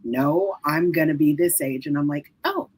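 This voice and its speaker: A woman's voice: low-pitched, normal speed, darkish tone, a little hiss or hum, low-quality recording. A woman in her fifties co-hosting, chatting easily and laughing at herself about her age. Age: 50s. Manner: easygoing, self-deprecating. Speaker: co-host. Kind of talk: casual chat.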